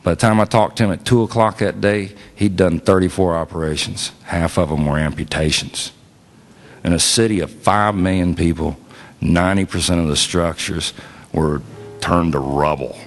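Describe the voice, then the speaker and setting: A man's voice: low voice, fairly even intonation, moderate pace, big-room sound. A man telling a personal story to an audience in a casual, plainspoken way with frequent fillers. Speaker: invited speaker and musician. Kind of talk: storytelling talk.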